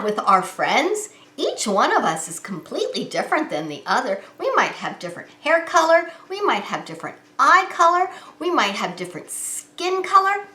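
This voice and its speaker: A preschool teacher with a high, sharp-toned voice reads a picture book aloud at story time, keeping her explanations simple and expressive for young children. The recording sounds roomy and echoey indoors.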